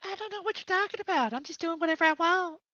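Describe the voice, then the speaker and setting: A man putting on a squeaky, chipmunk-like high voice, sassy and defiant in casual chat. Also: quick pace, pushed and bright, no room sound, highs cut off.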